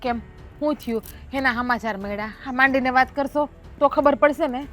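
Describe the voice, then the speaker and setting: An actress playing a level-headed village wife who chides her husband and urges calm, with a Kathiawadi Gujarati accent. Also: sits high, normal speed, soft background music. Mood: concerned. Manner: chiding, urging calm. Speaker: wife of the elder brother. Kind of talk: rural family drama acting.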